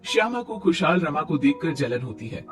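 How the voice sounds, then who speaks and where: A man narrating a scripted cartoon story in a plain, steady way. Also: on the high side, moderate pace. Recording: distant mic, faint music.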